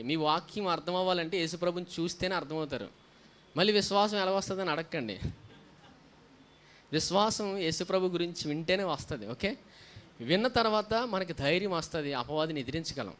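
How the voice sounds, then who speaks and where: Man, pastor, preaching sermon, rhetorical questions, hallelujahs, slightly high voice. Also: a bit bright. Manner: asks the congregation questions and answers them himself; frequent hallelujahs between points.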